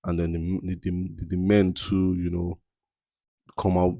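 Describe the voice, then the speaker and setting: A man in his thirties hosting a podcast, speaking in a motivational monologue, repeating key phrases and slowing down to stress his points. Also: low voice, monotone, warm tone, no echo. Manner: repeats key phrases, asks "you understand?". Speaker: podcast host.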